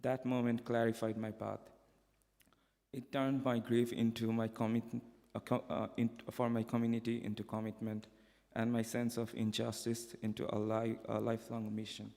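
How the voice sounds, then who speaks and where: A young man from Bangladesh giving a prepared personal testimony at a conference, in a measured, earnest delivery with occasional restarts. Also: mid-range voice, monotone, vocal fry, warm tone. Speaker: conference speaker. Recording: echoey hall reverb.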